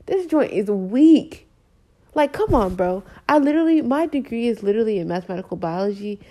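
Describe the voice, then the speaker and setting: A woman's voice: medium pitch, warm tone. A woman in her twenties ranting in a casual vlog, slangy, emphatic and exasperated. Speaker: vlogger. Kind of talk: frustrated casual rant.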